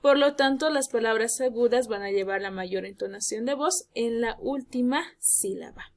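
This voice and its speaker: A woman teacher giving a lesson, speaking slowly and emphatically and drawing out her example words. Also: fairly high pitch. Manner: addresses students as "jóvenes". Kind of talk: classroom lesson.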